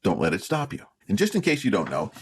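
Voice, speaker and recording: A man with a fairly low voice that swings widely in pitch, talking straight to camera in a vlog. He encourages and teases by turns, driving points home by repeating them. The delivery is plain and conversational. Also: huge pitch swings, fast talker, slightly rough. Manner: encouraging, repeats key phrases for emphasis; plainspoken, teasing rhetorical questions. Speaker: vlog host. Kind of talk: motivational talk to camera.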